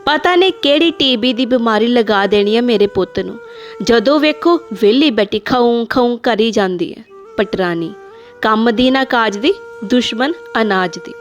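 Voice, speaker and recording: A woman voicing a sharp-tongued young mother who scolds her family in a shrill voice. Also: moderate pace, soft background music, natural voice. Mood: scolding.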